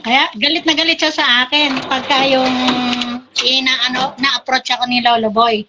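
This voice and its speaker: A woman's voice: high voice, fairly even intonation, normal speed, background noise. A woman telling funny stories in casual chat and laughing often. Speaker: guest.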